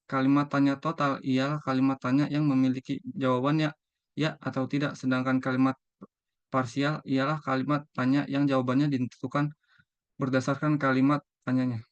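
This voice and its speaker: A young man student reads class notes steadily, his voice smooth and resonant but nearly level in pitch. It is recorded close and dry, with a muffled, lo-fi sound. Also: fairly quick, dry recording. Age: young adult. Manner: steady, even reading of a script. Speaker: student presenter. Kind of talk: reading a class presentation.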